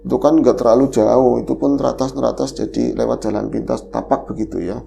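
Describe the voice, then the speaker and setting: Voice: mid-range voice, fairly even intonation, a little fast, gravelly, warm tone, a little hiss or hum. A podcast host animatedly retelling a horror story in casual chat, the voice leaping up at the scary moments.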